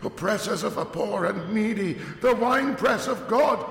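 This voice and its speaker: A man voicing a half-mad curate who wails, pleads and rants in a hushed, cracking voice. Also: expressive, normal speed, vocal fry, echoey room, long reverb tail, exaggerated voice. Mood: frantic lament. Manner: whispered, ranting, pitch leaping high.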